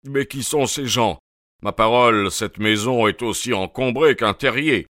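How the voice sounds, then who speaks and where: A man voicing a stout, pompous police inspector with a husky, hoarse, breathless voice and a blustering, hemming manner. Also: medium pitch, measured pace, a bit bright, no echo, clean studio sound, natural voice.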